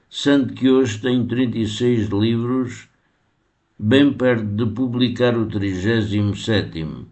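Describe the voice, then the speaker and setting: Slow-speaking older man poet. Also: mid-range voice, a little mellow. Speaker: poet interviewee. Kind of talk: read-aloud interview answers.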